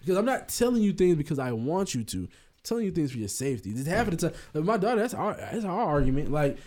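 A man co-hosting a casual podcast chat, animated and profane, acting out quotes of his kids and parents. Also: on the high side, fast. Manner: uses profanity freely. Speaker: podcast co-host.

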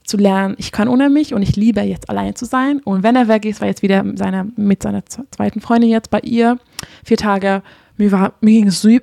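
Warm-spoken woman, dry. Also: medium pitch, vocal fry, dry recording. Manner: open, emotional, chatty with frequent fillers. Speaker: podcast guest, couples therapist. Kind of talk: casual heartfelt conversation.

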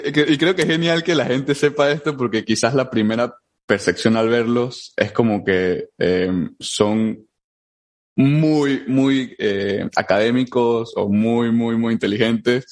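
A man hosting a casual interview, lively and repetitive as he asks questions. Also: mid-range voice, measured pace. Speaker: interviewer host.

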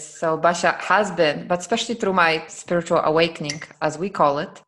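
In a casual podcast conversation, a female host from Poland speaks with a low, somewhat bright voice. She's earnest and thoughtful, and laughter frequently bubbles up as she talks.

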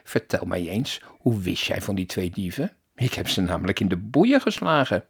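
A man voicing a gruff, grumbling, skeptical policeman in a storybook reading, in a lowered voice. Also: sing-song, normal speed, heavily acted. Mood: jovial.

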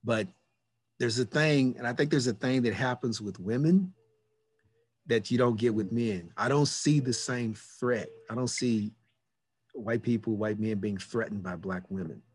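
A man's voice: medium pitch, measured pace, slightly rough. A man in his fifties hosting a reflective conversation, earnest and repeating key words for emphasis. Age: 50s. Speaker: podcast host.

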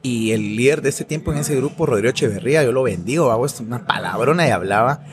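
A man's voice: medium pitch, fast talker. A man with a Guatemalan accent, a university professor, telling a personal story in casual conversation, slangy and laughing often. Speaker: podcast guest, university professor.

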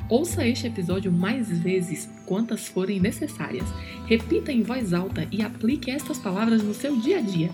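A woman reading a scripted podcast outro with even, instructive delivery. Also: medium pitch, normal speed, few pauses. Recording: music playing under the voice.

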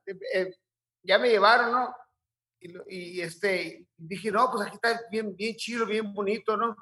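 A middle-aged man with a Mexican accent speaks as an interview guest. His voice sits high and sounds bright and sharp. He talks in coarse slang and stumbles through repeated restarts. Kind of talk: casual interview storytelling.

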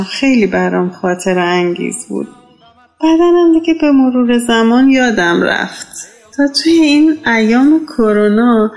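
A woman's voice: fairly high pitch, vocal fry, darkish tone, rough recording. Woman in her 50s telling a memory. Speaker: storyteller sharing a memory. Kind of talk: casual personal storytelling.

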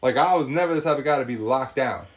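A young man co-hosting a casual podcast chat, ranting in an animated way with lots of slang and swearing. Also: mid-range voice, fast talker. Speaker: podcast co-host.

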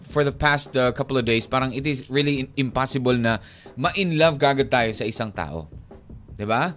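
A man co-hosting a radio show, rambling and teasing in casual banter. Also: medium pitch. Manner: rambling, lively, frequent fillers, teasing, mixing English and Tagalog. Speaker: radio DJ co-host.

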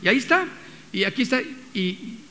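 A man's voice: extremely high pitch, very animated, a little fast, sharp tone. A man with a Mexican accent preaching a sermon as pastor, talking in a conversational way with many restarts and acting out quotes. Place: church hall. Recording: long reverb of a church hall.

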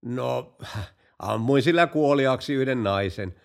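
A man's voice: mid-range voice, vocal fry, natural voice. A man voicing a brazen male car driver in a told joke, curt and then innocently denying everything.

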